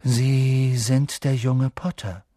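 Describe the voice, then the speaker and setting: A man's voice: medium pitch, steady tone, mellow, dry recording, studio quality. Firenze, a grave noble young centaur, as a man voices him. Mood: calm. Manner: measured and grave, slow emphatic words. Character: noble young male centaur, earnest and protective. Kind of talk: audiobook character voice.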